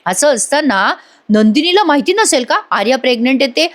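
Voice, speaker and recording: A woman's voice: high-pitched, animated, fairly quick. A woman voicing an old-fashioned middle-aged mother who exclaims in shock at modern ways.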